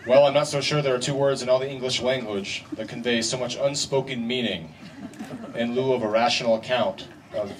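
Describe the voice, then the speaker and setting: A man of average pitch gives a best man's wedding speech. He speaks wryly and deliberately, leaving pauses for effect. The mic is some distance away, and clear background noise from the event surrounds his voice. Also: steady tone. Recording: distant mic, noisy live event ambience.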